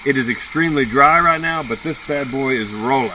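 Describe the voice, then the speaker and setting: A middle-aged real estate agent gives an upbeat, informal, salesman-style tour of a wooded property by a creek. His voice sits at medium pitch and moves a little fast. The audio comes from a distant outdoor camera, with guitar music and a noisy background.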